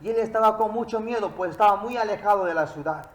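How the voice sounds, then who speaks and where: A man's voice: high voice, fast, reverberant, low-quality recording. A man preaching a sermon, addressing his listeners and telling them a story.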